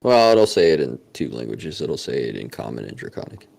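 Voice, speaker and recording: A man narrating a tabletop game as dungeon master, talking in a relaxed way with many pauses and fillers. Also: very deep voice, gravelly, slightly rough.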